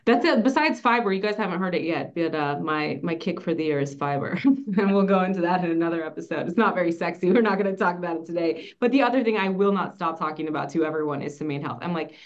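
Woman host w/ a cold, hoarse raspy voice, kinda low, chatty, acts out convos, muffled sound. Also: quick pace. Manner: animated storyteller who acts out conversations. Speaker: podcast host. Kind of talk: casual chat.

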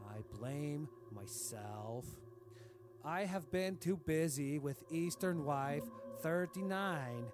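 An actor playing a cruel, pompous dictator king who speaks in broken, grand formal sentences. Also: high-pitched. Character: cruel pompous self-adoring dictator king, adult man. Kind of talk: comedic audio diary reading. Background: music.

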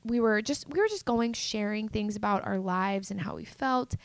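A woman's voice: mid-range voice, normal speed, no room sound. A young adult woman telling a personal story to her viewers in an earnest, confessional way, full of "like" and "um". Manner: earnest, confessional, many fillers like "like". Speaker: vlogger.

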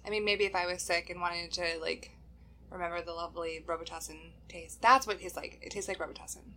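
A woman's voice: lowish voice, steady tone, fast talker, pushed and bright, a little hiss or hum. A woman co-hosting a podcast in natural, unscripted casual talk with a friend, chatty, giggly and self-deprecating. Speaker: podcast co-host.

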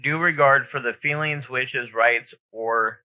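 A podcast co-host with a medium-pitched, sharp voice chats casually and informally, rambling and thinking aloud as he shares his opinions. He speaks unhurriedly in a steady tone, and the audio sounds dull and lo-fi.

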